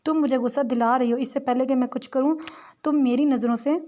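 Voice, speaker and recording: Brief: stern, irritable young husband, harsh threats, read by a woman narrator, slightly high voice. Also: fairly even intonation, fast, warm tone, close to an everyday voice.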